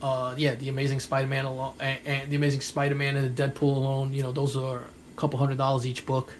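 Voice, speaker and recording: A man with a New York accent talks loosely to his viewers, circling back over his words and calling out names. His voice sits mid-pitch and stays fairly flat. A faint hum of ambience runs behind him. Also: fast. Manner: rambling, repeats himself, thanks viewers by name. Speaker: comic book collector vlogger. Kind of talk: casual vlog chat to viewers.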